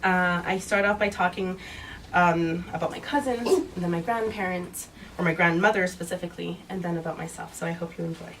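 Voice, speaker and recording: A woman's voice: lowish voice, fairly even intonation, fairly quick. A woman performing her spoken-word poetry live at a reading, with a rhythmic, rolling cadence that builds through long lists. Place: live reading event, indoors. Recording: distant mic, faint room noise at a live reading.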